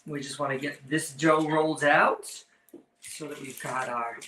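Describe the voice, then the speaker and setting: A man's voice: on the high side, steady tone, a little slow. A man hosting a casual live cooking show with campy, playful drag queen banter and cheeky innuendo. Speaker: host of a cooking demonstration. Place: indoor kitchen with stone counter. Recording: roomy echo, distant mic, faint noise.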